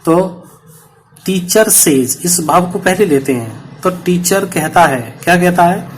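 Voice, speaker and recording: A man's voice: sits high, lively intonation, takes it slowly, a little hiss or hum. A man teaching a punctuation lesson to students, explaining patiently and repeating each example.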